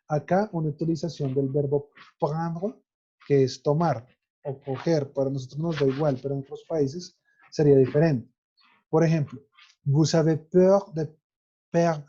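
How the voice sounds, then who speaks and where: A man's voice: on the high side, dark tone, breathy edge, muffled recording. A man, teaching French grammar in an online lesson and spelling out verb endings letter by letter.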